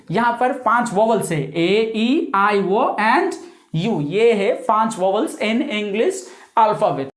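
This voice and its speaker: A woman with an Indian accent teaching an English grammar class that mixes Hindi and English. She explains slowly, repeating each point and checking that her students have understood. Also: on the high side. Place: classroom with a blackboard. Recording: echoey room.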